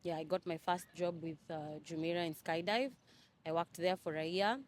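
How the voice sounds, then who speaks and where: A young woman from Kenya, speaking in a fairly low register. She answers interview questions in a casual, halting way, full of restarts and fillers. A faint hum of background noise sits under her voice. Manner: hesitant, many fillers and restarts. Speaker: interview guest. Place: Dubai.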